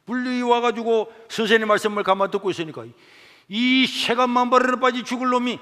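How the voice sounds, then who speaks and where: A man's voice: extremely high pitch, a little fast, sharp tone, in a large hall. A pastor with a Gyeongsang accent giving a testimony sermon, telling his story vividly and acting out its dialogue. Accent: Gyeongsang Korean.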